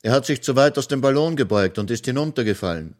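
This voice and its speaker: Storybook little boy hero, eager, raised pitch, man reading it. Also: expressive, fast talker, natural voice. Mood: triumphant. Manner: eager, proclaiming. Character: brave little boy rescuer, cheerful.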